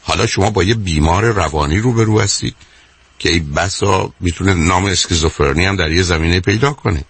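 A man's voice: low-pitched, fairly bright tone, breathy edge. A man hosting a radio call-in as a psychologist, interrupting insistently and repeating "my dear" and "wait".

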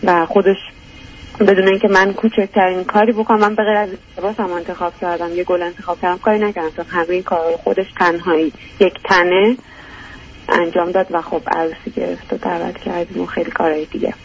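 A woman's voice: lowish voice, little pitch movement, highs cut off, slight background noise. Hesitant young woman calling an advice show. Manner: hesitant, searching for words. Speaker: caller. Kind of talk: call-in advice talk.

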